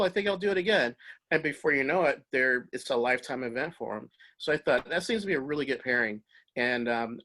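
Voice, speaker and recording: A man's voice: mid-range voice, a bit bright. A man speaking enthusiastically in a casual online webinar, rambling with plenty of fillers as a guest speaker on a video call.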